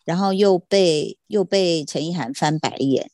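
A middle-aged woman, hosting a podcast and telling stories in a lively way, acting out other people's lines. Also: lowish voice, unhurried, slight background noise. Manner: animated, mimics others in quotes. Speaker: podcast host. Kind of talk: casual chat, storytelling.

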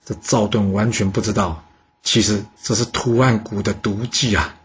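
A man telling a history story in a lively, chatty way. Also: fairly low pitch, husky. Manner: lively, chatty, drawn-out particles. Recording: dull lo-fi recording.

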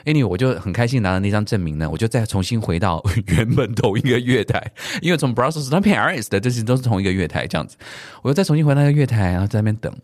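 A middle-aged man with a Taiwanese Mandarin accent, telling a story on his own podcast at a quick clip. His pitch leaps around a lot, and he throws English curses into the tale. The recording is close and dry, with no room sound. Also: no room sound. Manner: animated, mixes English swearing into his story. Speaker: podcast host.

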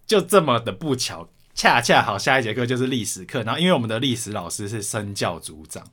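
A young man from Taiwan talks fast in a casual podcast chat. He tells his school stories with a lot of swearing, and his voice sits in the middle of the male range. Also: medium pitch. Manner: swears often, animated retelling. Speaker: podcast co-host.

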